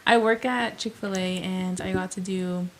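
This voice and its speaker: A young adult woman co-hosts a podcast in casual conversation, her medium-pitched voice steady and at a normal pace. She's chatty and laughs easily, dropping fillers like "like" and "um." There's slight background noise.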